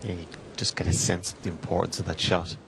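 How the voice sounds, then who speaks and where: A man's voice: low-pitched, flat delivery, fast, gravelly. A man giving analytical snooker co-commentary in an understated, matter-of-fact manner. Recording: background noise and arena ambience.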